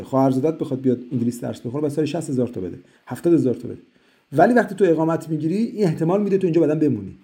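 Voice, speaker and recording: A man's voice: medium pitch, dark tone. A middle-aged man answering questions as an immigration consultant in a live session, talking emphatically and persuasively.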